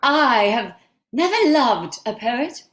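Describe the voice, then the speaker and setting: Woman playing a gushing, high-pitched society lady. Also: very animated, slow pace, a bit bright, exaggerated voice. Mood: gracious. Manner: theatrical, affected. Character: Mary, gushing, imperious society lady devoted to poets. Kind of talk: amateur stage play reading. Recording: echoey room.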